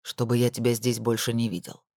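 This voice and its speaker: A woman's voice: rumbling low, little pitch movement, brisk, a little mellow, no room sound, clean studio sound, pitched below the performer's own voice. A woman voicing a cold, domineering husband who speaks in curt, menacing lines.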